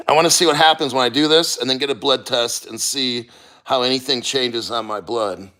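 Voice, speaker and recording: A man chatting casually on a livestream, blunt and sweary, with halting, strained delivery and throat-clearing as he endures cold. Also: medium pitch, sharp tone, poor audio. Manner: halting, sighing, throat-clearing while enduring icy water. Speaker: livestreamer reading viewer comments.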